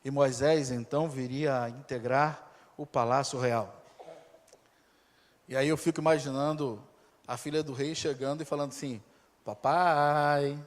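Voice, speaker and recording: A male pastor with a Brazilian accent preaching a sermon, telling the story dramatically, swinging from loud to hushed. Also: mid-range voice, steady tone, normal speed, pauses often. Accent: Brazilian Portuguese. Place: church. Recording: reverberant church hall.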